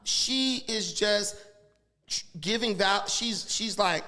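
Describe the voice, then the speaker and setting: A man's voice: high-pitched, slow pace, pushed and bright. A man guest on a podcast, talking in a blunt, crude and insistent way. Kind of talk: heated casual talk.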